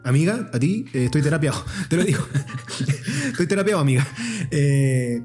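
A man with a Chilean accent, chatting casually on a podcast in an expressive, self-mocking way. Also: on the high side, moderate pace, soft background music. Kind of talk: casual chat.

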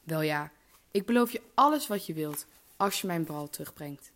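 A woman's voice: low-pitched, lively intonation, moderate pace, a bit bright, a little hiss or hum. Casting: woman voicing a spoiled, fearful storybook princess, eager and breathless.

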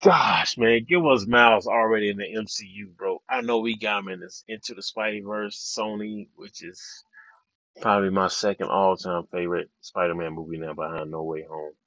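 A man giving a casual movie reaction, excitable and slangy, swearing a lot. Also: fairly low pitch, normal speed, dry recording, highs cut off. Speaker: movie reviewer.

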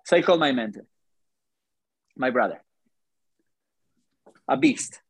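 A man telling a personal story to a live audience in an animated, conversational way, often checking in with listeners. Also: medium pitch, a little slow, slightly rough, no room sound.

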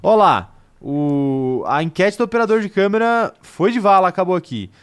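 Young Brazilian guy co-hosting a live chat show, slightly high-pitched, lively and jokey, reads viewer comments aloud. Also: moderate pace, smooth. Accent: Brazilian Portuguese. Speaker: co-host of a racing live stream. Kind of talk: casual live-stream chat.

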